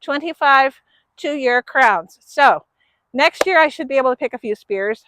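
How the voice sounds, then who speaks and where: A woman's voice: sits high, a little slow, a little hiss or hum. Chatty woman gardening outdoors. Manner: relaxed, chatty, with fillers. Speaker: gardening channel host. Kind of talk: casual how-to gardening talk. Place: outdoors in a garden bed in a grassy field.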